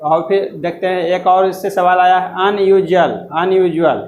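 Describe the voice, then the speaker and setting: A man with a high, fairly flat voice teaches an exam-prep lesson, going over words slowly and spelling them letter by letter. His phrasing is loose and repetitive, and the recording is low quality and echoey.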